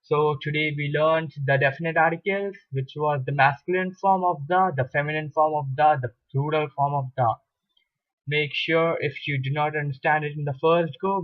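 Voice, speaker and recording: A man teaching a recorded video lesson on French articles, explaining slowly and patiently, repeating each example. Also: on the high side, no echo. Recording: dull lo-fi recording, dry.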